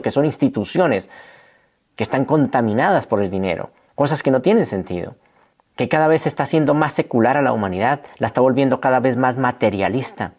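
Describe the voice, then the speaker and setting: A man preaching a sermon, addressing his listeners as brothers and asking rhetorical questions, slowing down to stress key words. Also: medium pitch, darkish tone. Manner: emphatic, slows down on key words.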